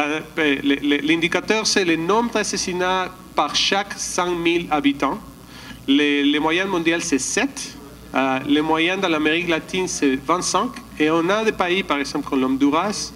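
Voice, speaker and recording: Hesitant man presenting slides, slightly high voice. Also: a bit bright, rough recording. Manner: hesitant, frequent restarts and searching for words; calls for the next slide. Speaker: conference presenter.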